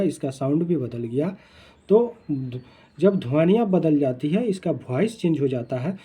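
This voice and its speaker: A man teaching spelling in a lesson, repeating each word slowly to drill its pronunciation. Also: on the high side, warm tone, slightly rough.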